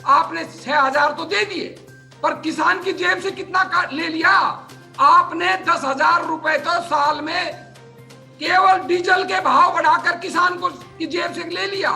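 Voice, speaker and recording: A combative man argues in a TV news debate, his voice high and piercingly bright. He fires off numbers one after another and keeps talking over the others, with faint music under the studio audio. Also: fairly even intonation, a little slow, vocal fry. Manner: combative, rattles off figures, talks over others. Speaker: political party spokesman. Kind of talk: heated TV debate.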